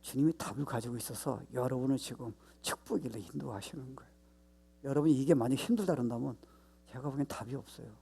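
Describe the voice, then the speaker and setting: Husky-voiced preacher with loud stresses. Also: male voice, quick pace. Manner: emphatic, mixes English phrases into his Korean; swings between loud stress and low, soft asides. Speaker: pastor. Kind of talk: sermon.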